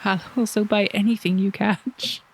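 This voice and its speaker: A woman voicing a gruff old male fisherman with a put-on sea-dog accent and a hearty, growly sailor's drawl. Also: medium pitch, fairly even intonation, moderate pace, a little hiss or hum, natural voice.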